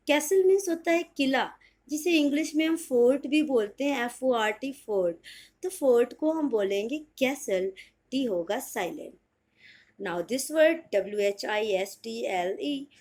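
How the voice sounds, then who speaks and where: Indian lady teaching english pronunciation, kinda high voice, talks real slow, spells stuff out and repeats it. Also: a little mellow. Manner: explains slowly, spelling words out letter by letter and repeating them; checks understanding with "clear?". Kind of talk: Hindi-English pronunciation lesson.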